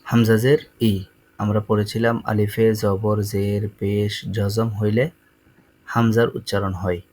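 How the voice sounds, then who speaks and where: Male Quran tutor, slow deliberate recitation drills, lowish voice. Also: little pitch movement, a little mellow, low-quality recording. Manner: drills each letter twice, slow and deliberate. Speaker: Quran teacher.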